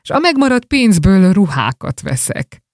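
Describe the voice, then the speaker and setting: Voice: medium pitch, big pitch swings, no echo, studio quality. A reader voicing a vain middle son in a rhymed story, cheeky and careless. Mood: flippant.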